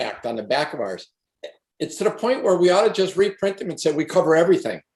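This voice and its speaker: A man's voice: high voice, sing-song, brisk, darkish tone. Emphatic man in an echoey room. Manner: emphatic, repeats for effect. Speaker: shower door installer on a panel. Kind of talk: casual shop talk.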